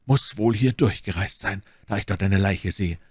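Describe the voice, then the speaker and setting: A man's voice: lowish voice, slightly rough, no room sound, clean studio sound. Man doing a cold, sinister stranger. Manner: measured and coolly menacing. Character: pale mysterious male stranger, cold and sinister.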